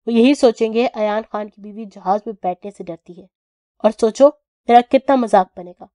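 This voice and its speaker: A cruel young crime boss, clipped and commanding, who teases as often as he threatens, put on by a woman reading an audio novel. The voice sits somewhat high, with a warm, mellow tone. The storybook reading is dry and close. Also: no room sound, close to an everyday voice. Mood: teasing. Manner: stern, clipped, louder than the narration. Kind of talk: audio novel character voicing.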